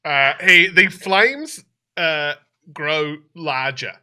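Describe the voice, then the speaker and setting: A man narrating as game master of a tabletop game. His voice is very bright and somewhat high. He describes scenes in a loose, rambling way, full of fillers. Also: animated, extremely slow.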